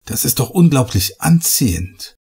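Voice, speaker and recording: A man's voice: lowish voice, steady tone, normal speed, warm tone, husky. A man voicing an obsessive male archaeologist in a horror audiobook, speaking fervently and worshipfully. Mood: rapturous.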